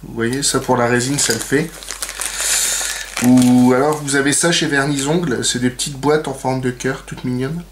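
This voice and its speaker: A man talks viewers through a hands-on nail art demonstration in a relaxed, chatty way. He pads his sentences with fillers and throws in playful, self-mocking asides. His voice sits at a middle pitch over a faint background hiss. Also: moderate pace. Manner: chatty, many fillers and "donc". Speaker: nail art tutorial host. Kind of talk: casual how-to demonstration.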